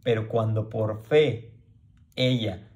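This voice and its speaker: A man's voice: fairly low pitch, slow, a little mellow. A man teaching a Bible passage informally, often checking in with the listener and restarting his sentences. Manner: conversational, frequent "¿sí?" checks, restarts; acts out crowd voices in quoted lines.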